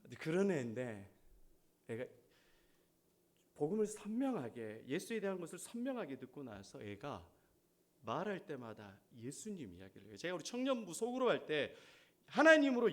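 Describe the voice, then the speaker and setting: A middle-aged male pastor preaching a sermon, asking the congregation questions and swinging between loud exhortation and quiet asides. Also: a little high, huge pitch swings, fairly quick.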